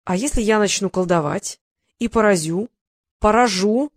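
A woman's voice: mid-range voice, normal speed, dry recording, clean studio sound, natural voice. A woman voicing a proud brash young wizard. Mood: indignant, proud. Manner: loud and indignant, insisting.

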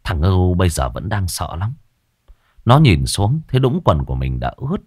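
Lively low-voiced man telling a ghost story. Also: normal speed, husky, no echo, clean studio sound.

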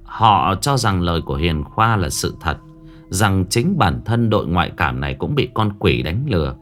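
Low-voiced man narrating a ghost story. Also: big pitch swings, moderate pace, a bit bright, soft background music. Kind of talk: scripted horror story narration.

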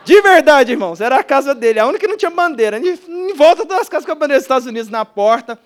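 A man's voice: extremely high pitch, rapid-fire. A man from Goiás, Brazil, with a Goiás accent, preaching a sermon as a pastor and telling stories with acted-out dialogue. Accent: Goiás Portuguese. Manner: animated storytelling with mimicked dialogue.

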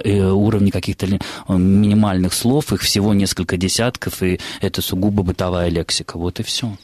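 A man co-hosting a radio language show, explaining at length in a measured way with many hesitations. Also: deep voice, no echo, clean studio sound. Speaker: radio co-host, language expert. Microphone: studio microphone.

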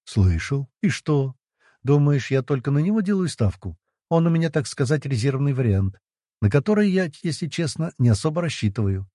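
A cocky nobleman plotting in a storybook, his voice pitched up and swinging lively, played by a male narrator. The tone is husky and dark, recorded dry. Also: normal speed, no echo. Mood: smug. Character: cocky scheming nobleman, male, middle-aged.

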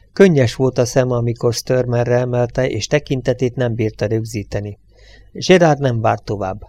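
A man reading an audiobook in a calm, measured narrating voice. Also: mid-range voice, no echo.

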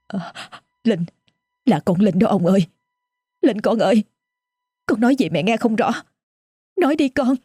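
A woman's voice: expressive, unhurried, long pauses, warm tone, breathy edge, no echo, clean studio sound, faint music behind. A woman voicing a frightened, grieving mother who calls out tearfully to her dead daughter in a ghost story audiobook. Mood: desperate pleading. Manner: tearful, pleading, rising to high cries.

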